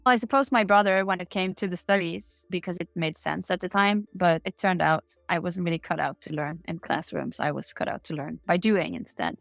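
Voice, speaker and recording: A woman's voice: lowish voice, fairly quick, vocal fry, few pauses, no echo, faint music behind. A middle-aged woman from Norway with a Norwegian accent, answering interview questions in a candid, upbeat way over a remote call. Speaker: guest.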